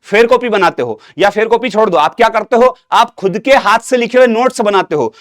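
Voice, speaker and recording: A man's voice: high voice, fairly quick, fairly bright tone, no room sound, clean studio sound. A young man teaching an exam-prep lesson, talking to students like an elder brother and repeating himself with rhetorical questions.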